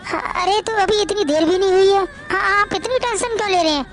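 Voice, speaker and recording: A woman's voice: extremely high pitch, brisk, pitched above the performer's own voice. A woman playing a dutiful young married woman in a family drama, placating her husband.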